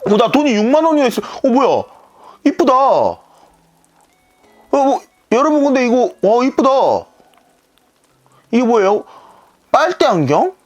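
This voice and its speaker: A woman's voice: on the high side, very animated, unhurried, long pauses, darkish tone. Playful woman chatting over gameplay. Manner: playful, chatty, talks to viewers. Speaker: game streamer. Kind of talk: casual gameplay chat.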